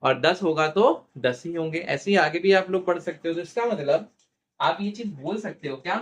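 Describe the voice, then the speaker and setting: Guy with a pretty high voice doing a chemistry lecture, asks stuff then answers it himself, repeats things a lot. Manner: asks questions and answers them himself, repeats key terms; slows down to spell out formulas. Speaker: chemistry teacher. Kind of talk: classroom lecture.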